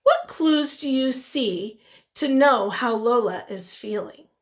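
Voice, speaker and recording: With lively intonation and a voice on the high side, a woman teacher reads a picture book expressively to little children and breaks off to ask them questions.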